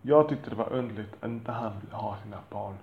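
A man's voice: fairly low pitch, roomy sound, lo-fi sound. A man talking frankly about being a father, in a blunt, profane and rambling way with self-deprecating asides. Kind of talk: candid monologue.

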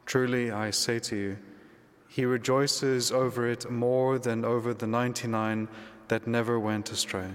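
A man, a priest, reading the gospel and preaching in a measured, reflective way, his voice ringing with a cathedral-like echo. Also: medium pitch. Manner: measured, reflective, conversational asides. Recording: long echoing church reverb.

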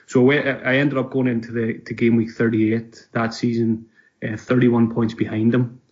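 A man with a Donegal Irish accent talks casually as an interview guest. His voice moves little in pitch and sits at a middling height. The audio is slightly dull and lo-fi, like a call. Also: little pitch movement, normal speed, a little mellow. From Donegal, Ireland. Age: 30s. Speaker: podcast guest.

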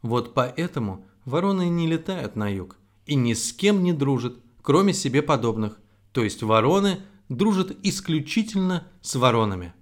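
Animated dad reading a fairy tale. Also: male voice, mid-range voice, moderate pace, slight background noise. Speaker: storyteller dad.

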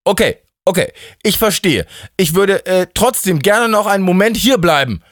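A man voicing a panicked young woman caught by an avalanche, speaking high and stammering. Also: moderate pace, dry recording, studio quality, lightly acted.

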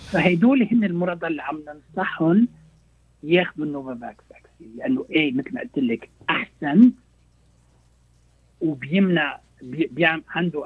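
A man with a Lebanese Arabic accent explaining as a doctor in a radio interview, halting and repeating words, dropping in English terms. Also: on the high side, slightly rough, dry recording. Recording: thin phone-like radio line.

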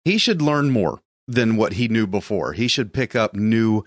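A man's voice: lowish voice, expressive, a little slow, no room sound, studio quality. A man hosting a faith talk show, interviewing a guest in an encouraging, affirming way.

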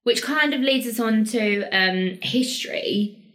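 A woman's voice: fairly high pitch, measured pace, a bit bright. A young British woman co-hosting a podcast in a casual, conversational way, reasoning things through as she explains them. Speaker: podcast co-host.

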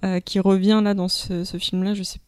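A woman chatting on a casual group podcast, halting as she searches for words. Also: medium pitch, flat delivery, clear, resonant tone, dry recording, clean studio sound. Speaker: podcast co-host.

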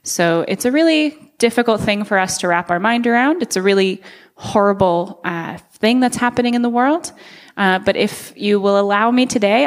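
Earnest American woman in a reverberant hall. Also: mid-range voice. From United States. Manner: earnest, friendly, with many filler uhs. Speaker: nonprofit speaker at a church. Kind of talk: presentation to a church congregation. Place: church hall.

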